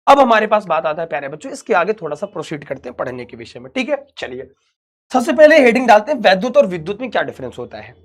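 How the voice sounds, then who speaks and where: In a fast online physics class, a young man reassures his students, whom he calls his dear children, in a chatty way. His voice sits high and swings widely in pitch.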